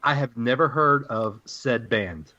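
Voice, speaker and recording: A man with a deep Southern US accent hosting a casual sports podcast in a folksy, playful showman's way. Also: unhurried, pushed and bright, dull audio.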